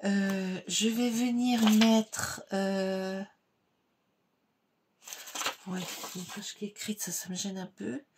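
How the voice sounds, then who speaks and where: A woman hosting a card-making tutorial at her home craft table, explaining each step in a chatty, unhurried way with many fillers. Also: mid-range voice, level tone, background noise.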